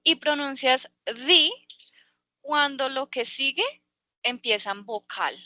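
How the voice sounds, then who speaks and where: Woman english teacher, slow and patient, bright voice, dry close sound. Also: high-pitched, expressive, dry recording. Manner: patient, explains slowly with many fillers. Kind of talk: online class. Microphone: video call.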